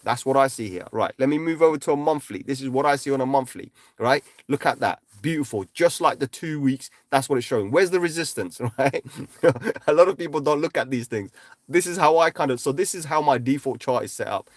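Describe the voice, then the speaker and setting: A man at a middle pitch hosts a casual livestream chart walkthrough. He talks emphatically, in quick bursts broken by slower stressed points, and tags nearly every thought with "right?". The sound is dry and close, with no room around it. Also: expressive, no room sound. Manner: emphatic, repeats "right?" constantly. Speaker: crypto chart analyst livestreaming.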